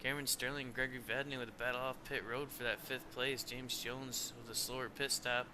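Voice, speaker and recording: A weary man calls the laps of a sim race in a flat, even voice that picks up when the cars bunch up. Engine noise and a steady hum sit clearly behind him. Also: medium pitch, a little fast. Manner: steady play-by-play, rising when racing gets close. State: tired, yawning. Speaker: race commentator. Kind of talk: sim racing play-by-play commentary.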